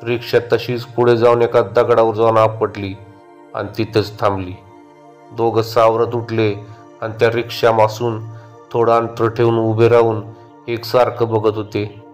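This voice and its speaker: A man reads a horror story in a steady, measured manner. His voice is low and keeps a narrow, flat range, with faint music playing underneath. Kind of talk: scripted horror narration.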